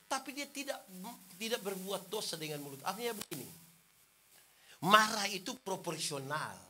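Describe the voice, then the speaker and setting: Brief: man, Ambonese Malay accent, very high sharp voice, preaches loud and jokey to the congregation. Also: big pitch swings, moderate pace, a little hiss or hum. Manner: shouting questions to the crowd, joking. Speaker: pastor. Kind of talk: lively sermon to a congregation.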